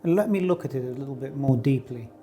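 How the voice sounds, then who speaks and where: A middle-aged Greek artist, appearing as an interview guest, gives thoughtful, searching answers full of fillers and restarts. His mid-range voice is animated, fast, and dark in tone, with faint music behind him.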